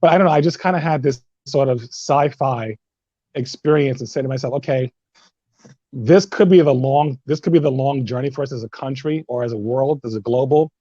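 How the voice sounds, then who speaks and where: A man with a warm, mellow voice tells a vivid story on a webinar panel. The audio is dry, with no room sound, and comes through a slightly dull video call line. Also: medium pitch, brisk, no room sound.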